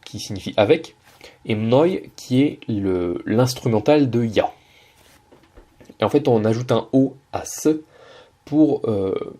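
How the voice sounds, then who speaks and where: A man's voice: medium pitch, warm tone. A man teaching Russian in French, patiently breaking down a video line by line with frequent hesitations. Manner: patient, many hesitations and self-corrections. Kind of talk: explaining a video lesson.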